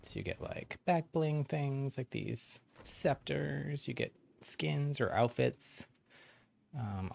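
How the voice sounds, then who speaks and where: This game streamer, a man with a medium-pitched, gravelly voice and a breathy edge, chats casually on his livestream. He explains things to newcomers in a friendly, encouraging way and chuckles often as he talks.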